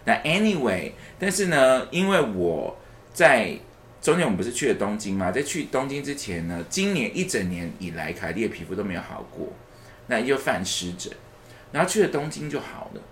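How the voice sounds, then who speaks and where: A man's voice: mid-range voice, very animated, normal speed, a little hiss or hum. A man from Taipei with a Taiwanese Mandarin accent, hosting a casual podcast chat and laughing often. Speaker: podcast host.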